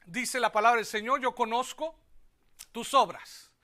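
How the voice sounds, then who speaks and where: A pastor with a Mexican Spanish accent preaches a sermon, alternating loud exclamations with quiet asides and asking the congregation to repeat after him. His voice is very high and his pace a little slow.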